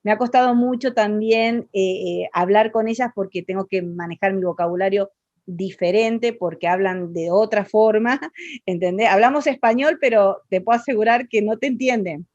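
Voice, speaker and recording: Argentine woman, Argentine Spanish accent, expressive and chatty, interview talk, dry close sound, slightly muffled. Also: medium pitch, moderate pace, no room sound. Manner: expressive, animated, many fillers and restarts. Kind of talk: casual conversational interview.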